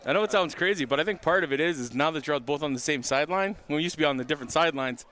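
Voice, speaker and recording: Bright high-voiced play-by-play man. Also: rapid-fire. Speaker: play-by-play commentator. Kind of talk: live sports commentary. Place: press booth at an outdoor stadium.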